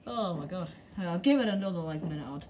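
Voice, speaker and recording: A young woman vlogger films fireworks at home on a handheld camera, rambling and joking casually with self-deprecating humor and mild swearing. Her voice is on the low side and darkish, her intonation lively, her pace brisk. There's slight background noise.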